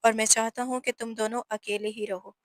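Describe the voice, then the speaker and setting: A woman voicing a wealthy older father who gives gentle orders in a storybook reading. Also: on the high side, flat delivery, a little fast, no echo, studio quality, close to an everyday voice. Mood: commanding.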